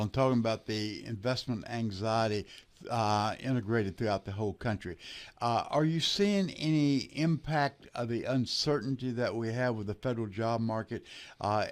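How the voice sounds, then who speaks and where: A man's voice: mid-range voice, moderate pace. A man with a Tennessee accent co-hosting a radio show, asking questions in a casual, folksy way. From Tennessee, United States. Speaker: radio co-host.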